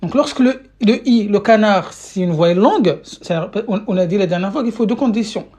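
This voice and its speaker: Woman teacher, livestream lesson, patient and repetitive, middle pitch, talks into a phone mic. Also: animated, normal speed, mellow. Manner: patient, repeats questions to viewers, many fillers. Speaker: Arabic teacher. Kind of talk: live-streamed language lesson. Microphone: phone or webcam mic.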